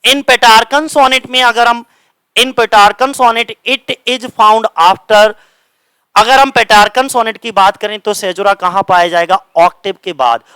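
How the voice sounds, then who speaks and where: A man runs an exam-prep class, reading definitions slowly and then going over them again in Hindi. His voice sits high and sounds smooth and clear. He keeps asking the class questions and answering them himself, dropping low on each answer. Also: bright, forceful tone, no echo. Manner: reads English lines slowly, then explains in Hindi. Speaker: coaching teacher.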